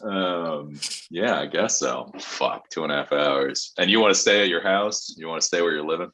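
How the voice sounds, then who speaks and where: A man's voice: low voice, moderate pace, pushed and bright, poor audio. A man hosting an open mic call-in show over a video call, chatting casually, blunt and swearing freely. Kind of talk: casual chat.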